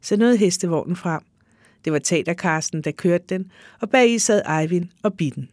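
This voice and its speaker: A reader narrates literary prose in a measured, even way. The voice sits at a middle pitch, and the recording is dry and close, with no room sound. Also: no echo. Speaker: audiobook reader. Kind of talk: literary reading.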